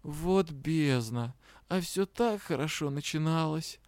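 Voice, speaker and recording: Guy reading as a smug lazy magic cat, slow and self-satisfied, smooth voice, dry sound. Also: mid-range voice, a little mellow, no echo, close to an everyday voice. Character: smug lazy male cat spirit of a golden dragon. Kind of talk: audiobook character reading.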